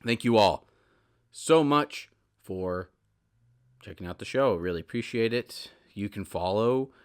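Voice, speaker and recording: This fairly low-voiced young man, in his twenties, hosts a solo podcast at an unhurried pace with a clean tone. His casual rambling is peppered with self-interruptions and repeated words, and his animated style alternates emphatic bursts with quieter asides.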